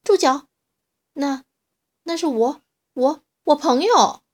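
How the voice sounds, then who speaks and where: A woman voicing a timid but brave young male dinosaur in a storybook reading, shouting and stammering, with a slightly husky voice. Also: high voice, animated, measured pace, pitched above the performer's own voice.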